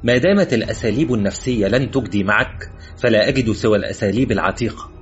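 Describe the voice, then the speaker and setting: A man's voice: on the low side, fast talker, pitched above the performer's own voice, lightly acted. A man voicing a cold, menacing Russian agent. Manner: calm, threatening, mocking. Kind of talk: audiobook character voice. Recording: muffled with faint music.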